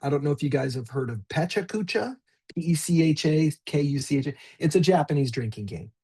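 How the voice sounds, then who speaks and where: A man's voice: a little high, expressive, brisk, dark tone, husky. A man leading a live online teacher training, demonstrating a tool in an upbeat, chatty way and addressing attendees by name over a video call. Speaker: workshop presenter.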